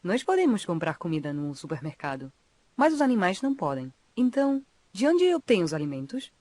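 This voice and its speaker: A woman's voice: lowish voice, very animated, a little fast, darkish tone, dry recording. A woman playing an encouraging schoolteacher in a scripted educational cartoon, explaining to pupils.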